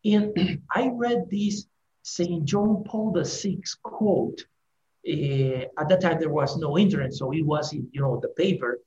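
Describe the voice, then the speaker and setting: A man's voice: fairly high pitch, measured pace, dark tone. Man on a muffled line. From Peru. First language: Spanish. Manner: earnest, stumbling over words. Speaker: guest, news agency director. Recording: dull, roomy remote line with faint hiss.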